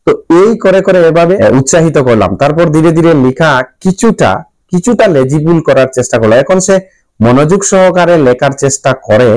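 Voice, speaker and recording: A man's voice: a little high, animated, brisk, a little mellow, no echo, poor audio. A man with a Bangladeshi Bengali accent, a teacher earnestly explaining how he tutored a pupil, often repeating his phrases. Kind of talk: spoken account to camera.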